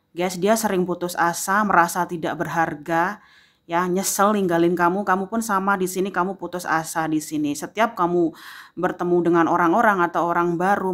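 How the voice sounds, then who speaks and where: A woman with a somewhat low voice gives a tarot reading, speaking directly to the listener. She moves at an unhurried pace and leans on repetition, returning to the same phrases for emphasis. Nearly every phrase ends with a gentle "ya". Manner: addresses the viewer directly, filling pauses with a frequent "ya". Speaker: tarot reader.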